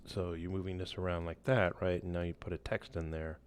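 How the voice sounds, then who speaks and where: A man walking through a software tool in a casual screen-share tutorial, loose and relaxed, with many fillers and restarts. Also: sits low, fairly quick, slight background noise. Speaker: instructor.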